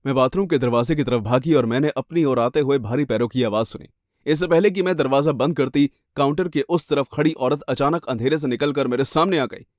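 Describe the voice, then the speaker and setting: A man's voice: mid-range voice, a little fast, darkish tone, no room sound, studio quality. A man reading a first-person horror story with dramatic, suspenseful delivery.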